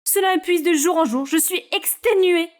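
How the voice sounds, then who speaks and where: A woman's voice: very high-pitched, moderate pace, voice pushed up. A woman voicing a tired teenage girl who complains in exasperation. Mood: weary. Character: weary teenage girl, worn out and fed up.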